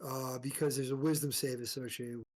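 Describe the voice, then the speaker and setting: A player at a tabletop game asking rules questions in a halting way with many fillers. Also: mid-range voice, level tone, darkish tone. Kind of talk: casual game talk.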